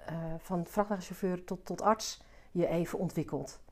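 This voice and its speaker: A woman's voice: lowish voice, steady tone, moderate pace. A woman interviewing in a casual chat, with informal, teasing interjections.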